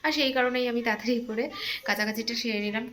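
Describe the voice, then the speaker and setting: A woman's voice: fairly high pitch, steady tone, racing, a bit bright, soft background music. A young woman chatting to her viewers as she goes about her chores at home, talking into a handheld phone. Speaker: home vlogger. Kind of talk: casual vlog narration to viewers. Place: at home, kitchen.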